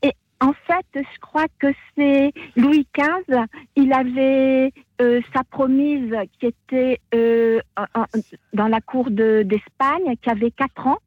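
A woman's voice: high voice, fairly even intonation, slow pace, no room sound. A woman speaks over a muffled telephone line into a radio show. She chats informally, often hesitating and searching for words. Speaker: radio phone-in caller. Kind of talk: casual, spontaneous chat. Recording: dull telephone call into radio.

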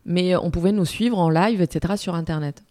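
A Moroccan woman in her forties, a journalist and news presenter, tells her career story in a lively interview, with restarts and fillers. Her voice is on the low side and a little fast, in clean, studio-quality audio with no room sound.

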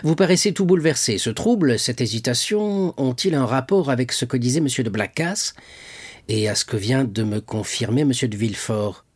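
A man reading an audiobook, voicing an imperious, angry old king with a sharp, commanding, incredulous manner and a husky voice. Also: medium pitch, animated, normal speed. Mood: troubled.

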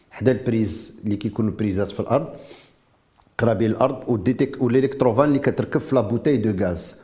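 Fast-talking Moroccan Arabic man demonstrating a product. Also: fairly low pitch, dark tone. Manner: mixes French technical terms into speech. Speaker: inventor presenting a product.

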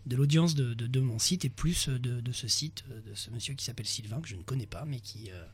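Male guest, husky, rapid and halting, chatty. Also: mid-range voice. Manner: fast, hesitant, many restarts and fillers. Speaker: guest, ukulele video maker. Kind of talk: radio chat.

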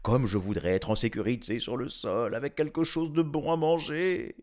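A man's voice: mid-range voice, fairly even intonation, normal speed, darkish tone, natural voice. A man doing a fussy, chuckling old professor. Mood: excited. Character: excitable old male professor with magic jacket.

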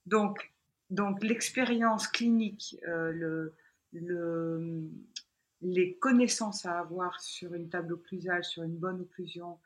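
A woman's voice: fairly low pitch, slow pace. Woman explaining dental technology emphatically. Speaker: dentist guest on a podcast. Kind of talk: technical podcast discussion.

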